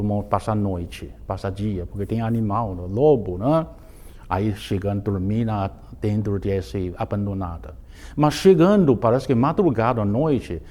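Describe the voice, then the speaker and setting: Male Taoist teacher, casual lesson delivery, halting non-native phrasing, lively storyteller. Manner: simplified non-native grammar with frequent restarts; storytelling with bursts of raised pitch. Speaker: Taoist master teaching a course. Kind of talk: informal spoken lesson.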